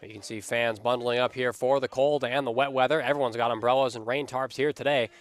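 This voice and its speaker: Male play-by-play caller, mid-pitched, energetic live sports commentary. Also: fairly quick. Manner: energetic, rises on big plays. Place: commentary booth.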